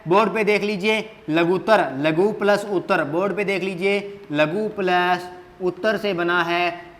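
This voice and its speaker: A man's voice: high voice, fairly bright tone. A man teaching Hindi grammar at a board, asking questions and answering them himself, repeating key words with emphasis, in an echoey classroom.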